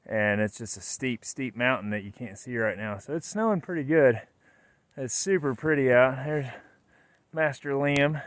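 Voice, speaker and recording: A man's voice: mid-range voice, normal speed, no echo. Winded man rambling on a snowy trail. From Virginia. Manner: rambling, easygoing, many fillers and restarts. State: out of breath from hiking. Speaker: vlogger hiking with his son. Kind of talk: casual hiking vlog narration. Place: snowy mountain trail outdoors.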